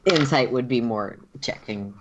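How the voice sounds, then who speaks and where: A woman running a tabletop roleplaying game as game master, narrating and refereeing in a casual, joking way. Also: very deep voice. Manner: casual, joking, quick to laugh.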